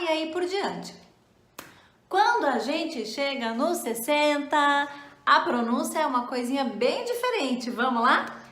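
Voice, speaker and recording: High-voiced woman teaching slowly. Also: a bit bright, reverberant. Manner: encouraging, drills numbers slowly and repeats. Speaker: French teacher. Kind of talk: online language lesson.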